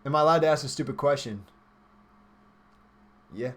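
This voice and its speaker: A man in his twenties, a software developer, hosts a livestream in a fairly high voice at an ordinary pace. He chats informally and thinks out loud while reading and answering questions from viewers.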